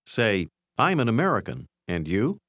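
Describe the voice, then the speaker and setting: A man narrating a language course, giving clear scripted prompts to listen and repeat. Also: on the low side, wildly swooping pitch, moderate pace, fairly bright tone, no room sound, studio quality. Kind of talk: scripted instruction.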